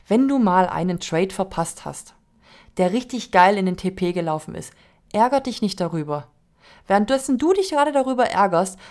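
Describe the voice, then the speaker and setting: A woman hosting a podcast, speaking earnestly in a coaching tone and putting rhetorical questions straight to the listener. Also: mid-range voice. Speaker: podcast host. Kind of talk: motivational podcast monologue.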